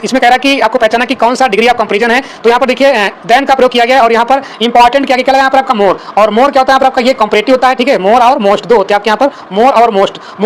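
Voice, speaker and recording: A teacher explaining exam grammar questions, asking constant rhetorical questions and repeating the same filler word, and reading the English questions out slowly. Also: medium pitch, slight background noise. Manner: reads English quiz questions slowly and deliberately. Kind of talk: exam-prep grammar lesson in Hindi with English examples.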